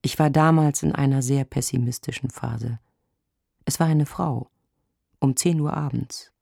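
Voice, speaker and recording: Gravelly male storyteller, wry and deadpan. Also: mid-range voice, measured pace, no room sound, clean studio sound. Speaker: narrator. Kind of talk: first-person story reading.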